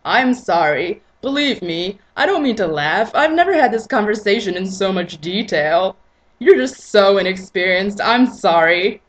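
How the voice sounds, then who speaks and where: A woman's voice: fairly low pitch, a little slow, few pauses, lightly acted, poor audio. A woman voicing a brooding, controlling, seductive rich man in a hammy stage-actor style for a romance novel reading. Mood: cajoling, commanding.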